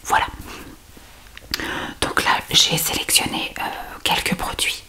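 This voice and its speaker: A woman's voice: slow pace, bright, forceful tone. A woman whispers an ASMR product review very close, right in the listener's ear. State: ill with a cough. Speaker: beauty product review video creator.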